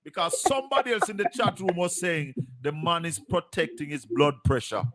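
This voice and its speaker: Insistent Jamaican stream host. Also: male voice, fairly high pitch, sing-song, normal speed, a loud crowd. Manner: insistent, listing point by point. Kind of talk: pressing interview questions.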